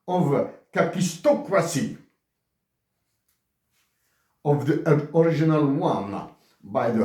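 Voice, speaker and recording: An Algerian commentator whose first language is Tamazight reads an open letter aloud. His delivery is slow, deliberate and emphatic, with a lively pitch and some restarted words, and the room gives a noticeable echo.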